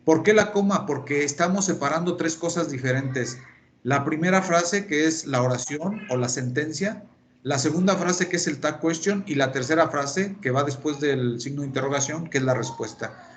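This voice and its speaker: A male teacher leads a virtual English lesson, walking through each example slowly and repeating the key terms. His voice sits a bit high for a man. Faint noise hums under his computer microphone. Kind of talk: online class lecture in Spanish. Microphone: computer mic on a video call.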